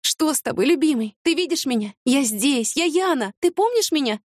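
A woman voicing a sharp-tongued young heroine who is easily frightened, speaking higher than her narration. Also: fairly quick, no room sound, clean studio sound, natural voice. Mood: pleading. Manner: raised pitch, excitable.

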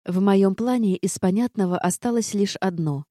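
A woman reading a fantasy story aloud in the first person, calm and even in her storytelling. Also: medium pitch, normal speed, no room sound, clean studio sound. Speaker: audiobook narrator. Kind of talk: first-person audiobook narration.

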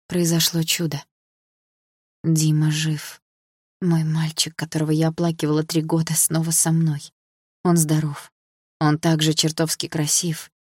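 A woman's voice: low-pitched, a little mellow, slightly rough, no echo, studio quality. A woman narrating a first-person romance novel in an intimate, emotional way. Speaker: audiobook narrator.

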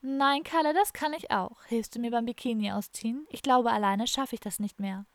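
A woman's voice: a little high, normal speed, dry recording, lightly acted. A woman voicing a playful, teasing young woman in an audiobook.

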